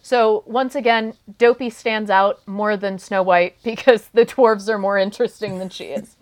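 A woman's voice: mid-range voice, steady tone, moderate pace. A woman co-hosting a podcast, chatting casually and laughing now and then as she talks. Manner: chatty, laughs while talking. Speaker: podcast co-host.

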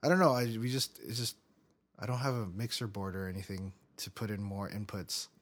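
On a cheap makeshift mic, a man co-hosting a casual chat podcast talks a little fast in a lowish voice with fairly even intonation. He rambles and keeps laughing between his words.

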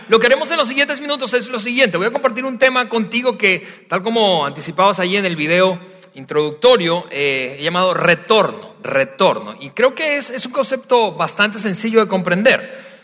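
A man from Venezuela, preaching a sermon in a relaxed, storytelling way, often pausing with hesitations. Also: sits high. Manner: warm, conversational storytelling with frequent hesitations. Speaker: pastor. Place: large church hall. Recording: long hall reverb from a large church.

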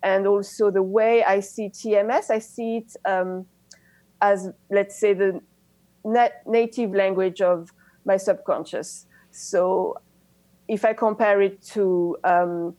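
As a guest discussing coaching in a relaxed interview, a French woman with a French accent speaks eagerly yet haltingly, restarting often. Her mid-range, darkish voice keeps fairly even intonation, and the dry recording has poor audio.

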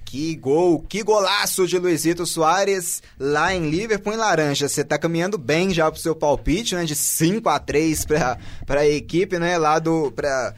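A man's voice: a little high, unhurried, hardly any pauses. A man with a Brazilian Portuguese accent giving running play-by-play on a live football match in short, clipped phrases that follow the ball.

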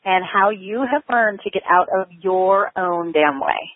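A woman's voice: mid-range voice, measured pace, no room sound, narrow, tinny audio. American woman podcast host, dry close sound. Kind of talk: friendly interview and introduction.

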